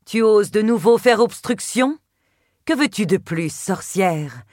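A woman's voice: medium pitch, lively intonation, slow pace, a little mellow, dry recording, studio quality, pitched above the performer's own voice. A woman voicing a proud, cold, furious goddess in an audiobook, speaking in a cutting, imperious way. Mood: scornful. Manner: cutting, imperious, spits words. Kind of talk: audiobook character voice.

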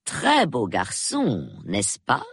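Brief: soft-spoken shrewd old lady read by a woman, audiobook, dry close sound. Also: extremely low pitch, huge pitch swings, extremely slow, breathy edge, dry recording, heavily acted. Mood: quietly shrewd. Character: shrewd, gentle elderly lady. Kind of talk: audiobook reading.

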